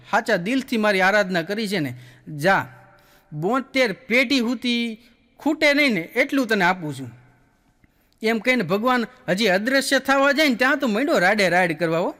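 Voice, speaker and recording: A Kathiawadi Gujarati comedian tells his jokes in a folksy storytelling way, acting out each person in his stories. His voice sits high for a man. A long hall reverb trails after his words. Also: lively intonation, normal speed, sharp tone. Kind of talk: stand-up joke telling.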